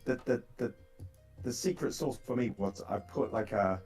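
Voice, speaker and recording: A man in casual chat about his developer tools, animated and full of fillers and restarts, heard through a laptop microphone. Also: on the low side, moderate pace, creaky, slightly rough, faint music behind. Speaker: software developer chatting on a call.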